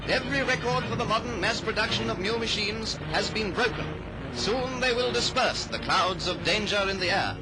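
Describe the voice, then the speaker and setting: A man narrates a 1930s newsreel in a grand, declamatory, patriotic style, his high-sitting voice animated and moderately paced. The audio is poor, an old newsreel soundtrack buried under loud music.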